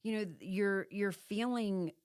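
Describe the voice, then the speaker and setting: Slow-talking earnest middle-aged woman. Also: medium pitch, darkish tone, no echo, studio quality. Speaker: podcast co-host. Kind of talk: casual podcast chat.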